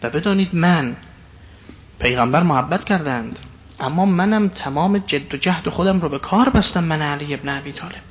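A man giving a digressive lecture to an audience, stressing and repeating key phrases, sometimes speeding up when animated. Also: a little high, slight background noise. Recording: dull lo-fi sound.

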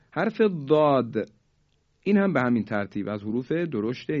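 A man teaching Quran recitation rules. He explains quickly, then recites each example slowly and drawn out. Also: medium pitch, darkish tone. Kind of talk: tajweed lesson. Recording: dull lo-fi recording.

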